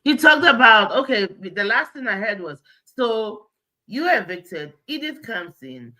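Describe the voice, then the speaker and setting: A woman's voice: on the high side, sing-song, a little slow, pushed and bright, poor audio. A woman speaking over a video call as a guest on a talk show, explaining money matters with step-by-step worked examples. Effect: heard over a video call. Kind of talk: casual chat on a web show.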